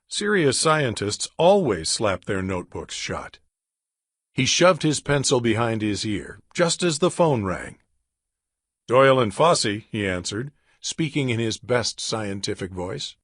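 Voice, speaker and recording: A man reading a children's story aloud slowly and expressively, with dramatic pauses. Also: mid-range voice, a bit bright, dry recording, studio quality.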